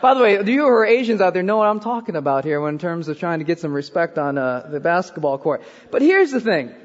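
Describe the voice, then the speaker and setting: A man's voice: a little high, sing-song, fast, long reverb tail, highs cut off. A man, preaching a sermon as pastor and telling self-deprecating stories with frequent "okay?" asides. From born in Korea, raised in Iowa. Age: 30s.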